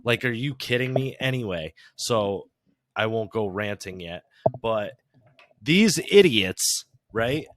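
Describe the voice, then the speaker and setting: A man's voice: lowish voice, expressive, slow, fairly bright tone, slight background noise. A man hosting a podcast, ranting casually and swearing often. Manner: profane, ranting. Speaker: podcast host.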